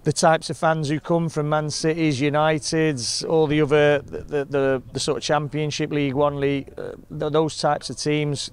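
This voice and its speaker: A man, a football manager giving a measured, frustrated post-match interview outdoors. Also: mid-range voice, clear, resonant tone. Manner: measured, frustrated, plain-spoken. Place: outdoors in front of a sponsor board.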